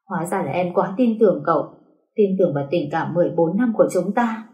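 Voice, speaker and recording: A woman's voice: lowish voice, a little slow, echoey room, muffled recording, natural voice. A woman playing a bitter, tearful jilted woman. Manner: plaintive, pleading.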